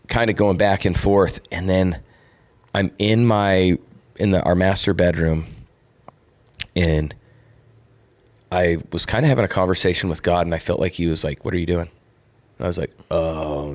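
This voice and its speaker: A man's voice: deep voice, fairly even intonation, a little slow, pauses often. A middle-aged man, a former football player co-hosting a podcast, earnestly telling a personal story in casual chat.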